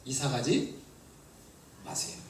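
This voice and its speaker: A male pastor preaching a sermon, lively and asking the congregation questions. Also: slow, heavy reverb, far from the mic, a little hiss or hum, low-quality recording. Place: church hall.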